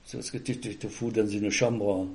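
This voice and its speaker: A man with a warm, mellow voice speaks in a casual, conversational way, as if sharing memories with an interviewer. His speech rambles, full of fillers and restarts. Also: on the low side, fairly even intonation, normal speed. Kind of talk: casual personal storytelling.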